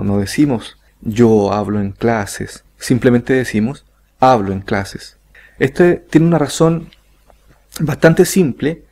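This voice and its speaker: Slow, gravelly-voiced male teacher. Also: medium pitch, darkish tone. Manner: slow, deliberate, repeats example sentences. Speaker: English teacher. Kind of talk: online grammar lesson.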